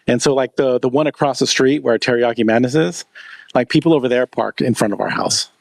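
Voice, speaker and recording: American-raised male podcast host, medium pitch, dry room. Casual storyteller, teasing, sweary, conversational. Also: brisk, vocal fry, no echo. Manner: joking, teasing, profane.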